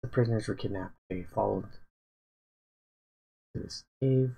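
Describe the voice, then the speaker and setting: Sleepy man, DM type, heavy vocal fry, raspy tone, halting thinking-aloud delivery. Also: on the low side, warm tone, rough recording. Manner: rambling, halting, many fillers and restarts. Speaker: dungeon master planning a campaign. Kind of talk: casual livestream, thinking aloud.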